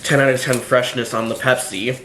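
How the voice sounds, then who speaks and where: A man's voice: mid-range voice, flat delivery, fairly quick, fairly bright tone. A hungover man giving a casual, unscripted food review in a rambling, hesitant, dryly sardonic way, full of filler words. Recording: roomy echo, faint background noise.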